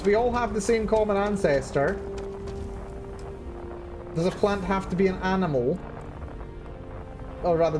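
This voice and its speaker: A man streaming a video game from his seat indoors, chatting casually and musing aloud on tangents as he plays. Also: on the high side. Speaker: let's play streamer. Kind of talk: live gameplay commentary.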